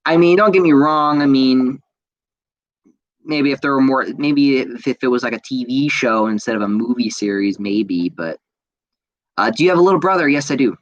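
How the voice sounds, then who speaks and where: A man's voice: mid-range voice, moderate pace, no echo, muffled recording. Rambling young man, dry close sound. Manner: rambling, enthusiastic, frequent fillers and restarts. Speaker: podcast host reading viewer comments. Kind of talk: casual chat.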